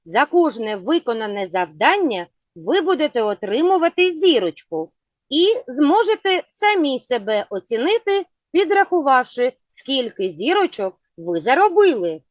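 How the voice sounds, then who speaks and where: A woman teaching a children's phonics lesson, asking patient, clearly spoken questions. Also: high voice, very animated, moderate pace, no echo. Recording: dull lo-fi sound.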